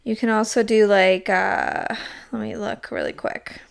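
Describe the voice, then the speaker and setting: A woman's voice: mid-range voice, fairly even intonation, measured pace, creaky, clean tone. A woman co-hosting a podcast in casual chat, rambling a little with fillers. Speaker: podcast co-host.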